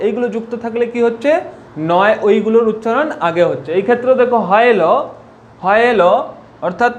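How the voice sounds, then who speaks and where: A man's voice: very high voice, fairly even intonation, brisk. A man teaching a spelling and pronunciation lesson, repeating each point and asking questions that he answers himself. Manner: repetitive, asks questions and answers them himself.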